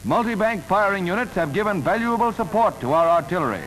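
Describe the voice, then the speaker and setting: A man narrating an old 1940s wartime newsreel in a brisk, emphatic announcer delivery. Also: high-pitched, lively intonation, poor audio. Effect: old newsreel soundtrack. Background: loud music score.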